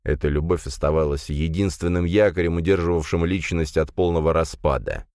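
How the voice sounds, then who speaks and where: A man with a very low voice narrates a fantasy audiobook. He reads in a measured, dramatic way. The recording is close and dry. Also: a little mellow, dry recording.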